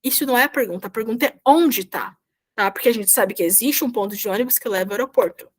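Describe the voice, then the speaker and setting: A woman's voice: on the high side, quick pace. A Brazilian woman with a Brazilian Portuguese accent, a volunteer teacher explaining a Spanish lesson patiently over a video call and often checking that students follow. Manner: patient, repeats "tá?" to check understanding. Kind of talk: online class explanation.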